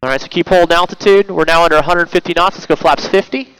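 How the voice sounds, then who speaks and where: Male flight instructor, slightly high clear voice, calm, encouraging, instructional, headset intercom. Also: fast, rough recording. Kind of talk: flight instruction in the cockpit, talking a student through maneuvers. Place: small airplane cockpit in flight. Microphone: aviation headset intercom.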